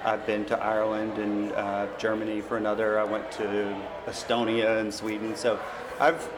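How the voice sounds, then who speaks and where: In this interview, an American novelist describes his work casually and rambles informally. His pitch is fairly low and his delivery completely flat, at a moderate pace. Background noise is clearly audible.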